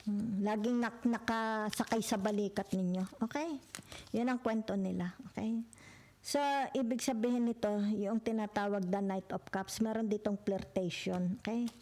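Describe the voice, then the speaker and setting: A woman's voice: medium pitch, steady tone, normal speed, dark tone, slight background noise. A woman with a Filipino accent giving a casual tarot reading, switching freely between Tagalog and English and checking in often with "okay?" and "di ba?". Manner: chatty, peppered with "okay?", "di ba?" and "yan". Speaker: tarot reader.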